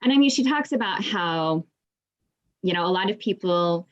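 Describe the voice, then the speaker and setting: A woman's voice: mid-range voice, animated, normal speed. A woman in the audience of an online discussion, rambling with frequent "you know"s. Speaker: audience member. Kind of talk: casual discussion on a video call. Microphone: video call. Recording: dull lo-fi call audio.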